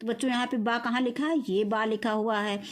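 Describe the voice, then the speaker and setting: A woman with a fairly high voice teaches young children to read, drawing each syllable out slowly as she spells a word. She keeps asking the class questions and then answering them herself in a patient classroom manner. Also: steady tone. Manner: slow syllable-by-syllable spelling out words. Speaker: primary school teacher. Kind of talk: recorded children's Hindi lesson.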